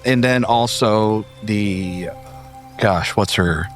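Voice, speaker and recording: A man's voice: on the low side, slow, faint music behind. Rambling man hosting as game master. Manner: rambling, self-deprecating. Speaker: game master and podcast host. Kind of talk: casual debrief chat.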